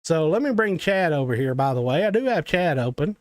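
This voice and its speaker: A man with a Southern US accent and a fairly high, sing-song voice hosts a casual game development tutorial stream, speaking fairly quickly on a dry recording. He rambles, talks straight to his viewers, and tosses in joking, self-deprecating asides.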